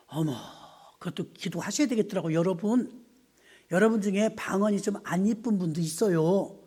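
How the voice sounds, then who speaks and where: A middle-aged woman pastor delivers a sermon as a run of lively stories. Her voice rises and falls across a wide range, and she breaks into laughter and mimicked sounds as she tells them. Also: mid-range voice. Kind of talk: sermon with storytelling.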